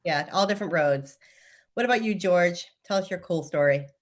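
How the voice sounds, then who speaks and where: A woman's voice: lowish voice, moderate pace, a little hiss or hum. A woman moderating a video-call panel, upbeat and encouraging as she hands the floor to each speaker.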